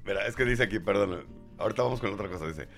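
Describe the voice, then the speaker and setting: A man's voice: on the low side, very fast, fairly bright tone, soft background music. A Mexican man co-hosting a casual comic chat, joking, cursing freely and acting out little voices. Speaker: co-host.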